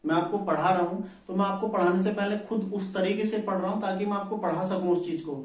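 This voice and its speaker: High-pitched, steady in tone and quick, a man lectures an exam coaching class. He repeats each term, checks in with students often, and leans on "ठीक है" and "ध्यान रखिएगा"; the mic is far off in an echoey room.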